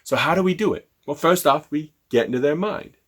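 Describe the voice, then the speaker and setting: A man's voice: a little high, expressive, a little fast, fairly bright tone. A man giving a sales lesson, firing off rhetorical questions and acting out phone calls. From Canada. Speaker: sales trainer. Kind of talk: direct-to-camera sales lesson.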